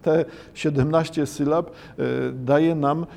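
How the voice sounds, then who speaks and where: A man giving a slow, reflective lecture, pausing often and hesitating between phrases. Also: a little high, steady tone, a little mellow. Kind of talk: lecture on Japanese poetry.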